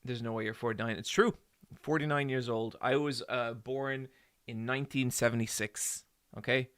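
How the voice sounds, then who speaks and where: A man's voice: medium pitch, steady tone, moderate pace, fairly bright tone. A man in his forties chatting casually with his stream audience, joking and rambling with lots of ums. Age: 40s. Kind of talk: casual live-stream chat with viewers.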